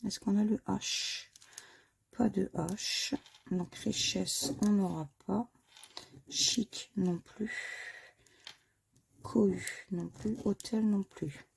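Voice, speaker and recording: A scratch-card vlogger talks casually to her viewers while scratching lottery tickets, spelling out letters one by one and muttering under her breath between them. Her medium-pitched voice is gravelly and steady, with drawn-out words, long pauses, and slight background noise.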